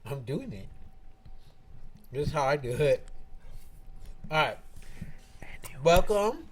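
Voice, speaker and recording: A man's voice: a little high, sing-song, slow pace. A man co-hosting a casual podcast, telling rambling, profane stories and laughing between lines. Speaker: podcast co-host. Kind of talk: casual chat.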